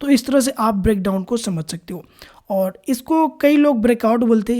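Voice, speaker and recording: A woman teaching a beginner trading lesson over charts, explaining step by step with frequent pauses and restarts, with terms. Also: medium pitch, mellow. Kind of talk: screen-recorded chart lesson.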